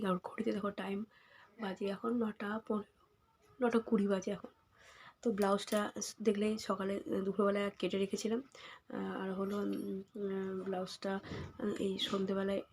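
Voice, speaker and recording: A woman in her thirties with a hoarse voice from a cold, softly narrating her day at home in a casual vlog. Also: mid-range voice, slight background noise. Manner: soft and unhurried, with many fillers. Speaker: vlogger. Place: home, indoors.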